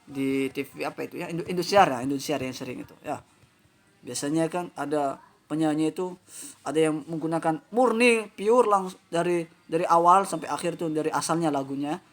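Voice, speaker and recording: A man's voice: a little high, brisk. A man teaching a vocal music lesson to pupils, chatty and peppering his talk with little fillers. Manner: chatty, fills with "nah" and "ya". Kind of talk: online class lesson.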